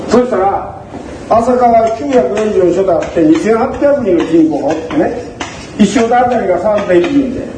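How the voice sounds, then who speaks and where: A man's voice: high voice, a little hiss or hum, low-quality recording. An older man with a Kansai accent telling stories in a lecture, acting out the voices of the people he quotes. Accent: Kansai (Osaka). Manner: animated, acts out voices in quoted dialogue. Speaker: speaker recounting community organizing. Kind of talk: conversational storytelling lecture.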